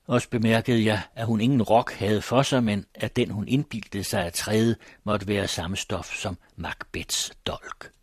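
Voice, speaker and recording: A man with a low, husky voice reads a classic story in measured, solemn tones. The recording is close and dry, with no room sound. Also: steady tone, no echo. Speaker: audiobook narrator. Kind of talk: scripted literary narration.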